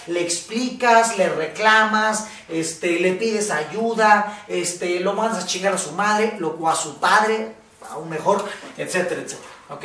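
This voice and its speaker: A woman's voice: lowish voice, a bit bright, slight background noise. A woman with a Mexican accent teaching a casual workshop lesson, blunt and swearing freely, often checking in with "¿ok?". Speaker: workshop facilitator. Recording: echoey room from far off.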